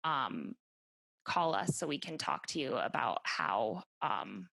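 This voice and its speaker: Low-voiced woman on a video call. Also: very animated, slow, creaky, fairly bright tone, no room sound, low-quality recording. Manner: thoughtful, many fillers. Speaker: nonprofit staff member.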